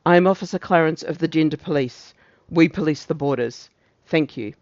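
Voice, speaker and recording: A man's voice: on the high side, fairly quick, no room sound, dull audio, natural voice. A man playing a pompous, zealous morality officer, declaiming a satirical monologue in preachy, emphatic speeches. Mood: pompous officialdom.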